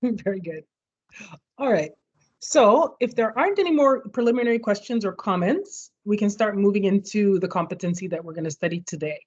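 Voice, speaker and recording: A woman's voice: mid-range voice, lively intonation, a little fast, slightly rough. A woman leading an online study group over a video call, explaining a topic and checking in with everyone. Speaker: study session leader. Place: home near street fireworks. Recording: muffled video call audio.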